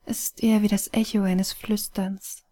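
A woman reading a gentle dying phoenix spirit. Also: mid-range voice, level tone, moderate pace, natural voice. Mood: gentle, sorrowful. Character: fading phoenix spirit, gentle, weary and wise. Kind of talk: audiobook story reading.

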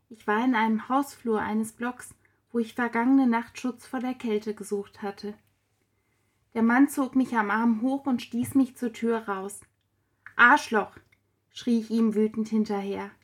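A woman reads a story aloud in a steady, even way. Her voice sits somewhat high. The narration moves at an unhurried pace. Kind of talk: storybook reading.

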